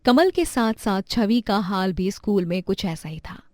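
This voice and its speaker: A woman narrating a moral story in a gentle storybook manner. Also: medium pitch, lively intonation, normal speed, dry recording. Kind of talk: scripted narration.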